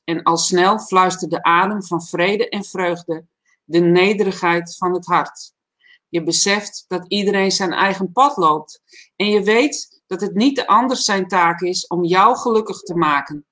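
A woman hosting a livestream talk show, reading a reflective text aloud in a calm, measured way and then chatting casually. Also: lowish voice.

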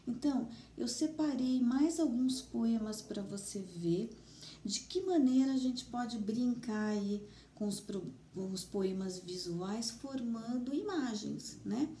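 A woman teacher with a Brazilian Portuguese accent giving a remote lesson to children, gentle and encouraging, speaking slowly and clearly. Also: fairly high pitch, lively intonation. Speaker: primary school teacher. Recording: roomy, distant mic with faint ambient noise.

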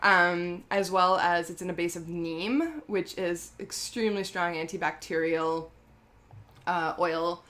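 A woman's voice: on the low side, a little slow, fairly bright tone. A woman talking casually about her skincare product, chatty and rambling, with lots of fillers and self-corrections. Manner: laughs often mid-sentence. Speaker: skincare brand founder.

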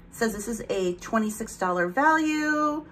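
A woman in her thirties rambles casually while unboxing products in a home vlog filmed in her bedroom. Her voice is a little high and a bit bright, animated at normal speed, with a slight lisp from her aligners.

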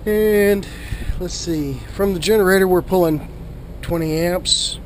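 A man giving a relaxed, chatty handheld tour of his motorhome, reading out numbers from his solar panel display. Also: sits high, measured pace, slight background noise, low-quality recording. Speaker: RV owner vlogging his camping trip. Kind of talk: casual handheld vlog tour. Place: inside a parked motorhome, small room. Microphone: handheld wide-angle action camera.

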